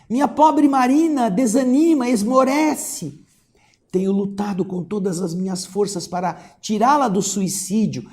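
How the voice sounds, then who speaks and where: A man's voice: high voice, a little mellow, close to an everyday voice. A man voicing a woman's anguished spirit who pleads desperately for her daughter. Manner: desperate, sobbing pleas.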